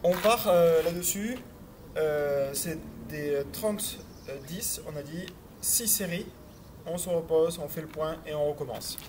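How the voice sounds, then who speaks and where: A male fitness coach with a fairly high voice and a measured pace instructs a cardio workout as he exercises himself. He counts beats aloud, urges everyone to go faster, hesitates with many fillers and is a bit out of breath. The audio is noisy and has clicks.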